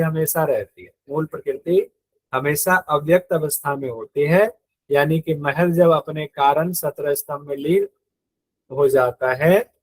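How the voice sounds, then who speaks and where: Guy teaching yoga theory online, keeps repeating terms and quizzing the class, slightly high voice, dry mic. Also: no room sound, rough recording. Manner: explains step by step, repeats key terms, quizzes students. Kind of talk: live online exam-prep class.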